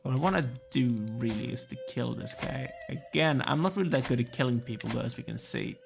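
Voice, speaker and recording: Man, gravelly voice, tired and yawning, casual game commentary, talks to the game. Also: medium pitch, brisk, music in the background. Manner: musing aloud, chatty asides to the game. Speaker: let's play gamer.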